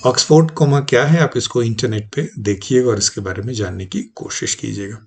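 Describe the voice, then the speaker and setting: A man teaching a recorded lesson, explaining slowly and patiently with many examples. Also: medium pitch, a little mellow, slightly rough. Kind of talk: recorded online lecture.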